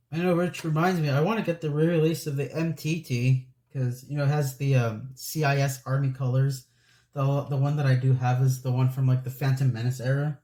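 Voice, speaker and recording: This man, in his late twenties and a Lego building vlogger, talks fairly quickly in a medium-pitched voice with little pitch movement. While assembling a model set he rambles in a self-deprecating way, laughing a lot, his soft, breathy speech close to the mic with audible breathing.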